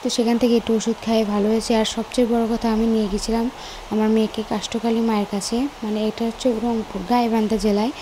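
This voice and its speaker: A young woman, narrating a home vlog in a hushed voice-over, recorded on a phone in a quiet room at night. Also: a little high, level tone, racing, a little hiss or hum. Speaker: lifestyle vlogger.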